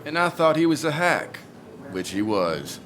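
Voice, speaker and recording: Slow-talking snarky guy, needling, game dialogue. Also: on the high side, very animated, a bit bright. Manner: sarcastic, needling. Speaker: IT worker.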